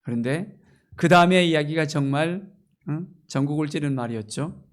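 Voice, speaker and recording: A male pastor preaching a sermon with passion, moving from loud exclamations to near-whispers and asking his congregation rhetorical questions. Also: fairly high pitch, moderate pace.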